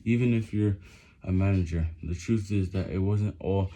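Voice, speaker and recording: A man's voice: low voice, normal speed, dark tone. A man reading a book aloud while doing push-ups, stumbling over and repeating words under the physical effort. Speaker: vlogger reading on camera.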